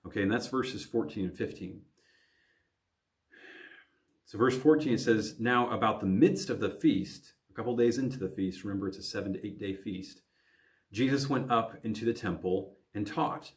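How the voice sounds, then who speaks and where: A man's voice: fairly low pitch, moderate pace. A man, a pastor from the American Midwest, teaching a recorded Bible lesson for teens, thinking aloud with frequent fillers and restarts.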